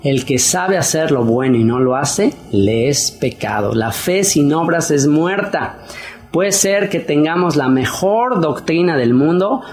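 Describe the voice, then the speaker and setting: A man's voice: expressive, a little slow, darkish tone. A man giving a casual sermon to wives, talking conversationally with many fillers and repeated words. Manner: acts out quoted wives in a higher voice. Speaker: preacher.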